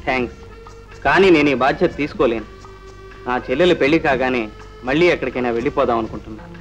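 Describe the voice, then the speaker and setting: An actor playing a principled young man in a 1960s film, soft-spoken and restrained. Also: medium pitch, quick pace, lightly acted. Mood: subdued. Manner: subdued and soft-spoken, flaring into indignant outbursts. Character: upright young man, quiet but fiercely principled. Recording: old film soundtrack with faint music.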